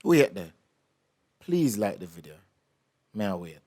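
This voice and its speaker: A man hosting a dating show, briskly directing contestants and asking viewers to like the video. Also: fairly low pitch, very animated, mellow. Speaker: show host.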